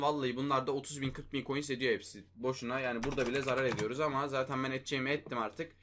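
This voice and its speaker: Over some background noise, a man whose voice sits on the high side hosts a mobile game video. He comments casually on his gameplay, often exasperated, talking to himself and his viewers with mild swearing.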